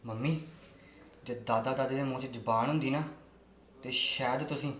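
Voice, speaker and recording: A man's voice: mid-range voice, steady tone, a bit bright, lightly acted. A man playing an earnest son who protests his mother's treatment of his grandparents in a family drama. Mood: protesting. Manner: quick, protesting. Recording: roomy echo.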